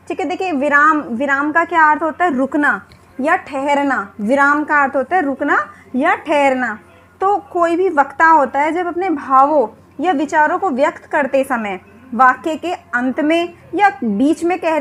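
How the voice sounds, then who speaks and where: A woman's voice: high-pitched, a bit bright. A woman teaching a Hindi grammar lesson for exam preparation, who poses questions and then answers them herself, often saying "ठीक है". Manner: repeats "ठीक है" as a filler.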